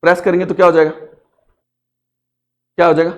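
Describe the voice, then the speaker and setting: A man's voice: sits high, level tone, brisk, dull audio. A man teaching a Hindi grammar class, explaining step by step and often asking his students questions before answering them himself. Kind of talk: classroom lecture.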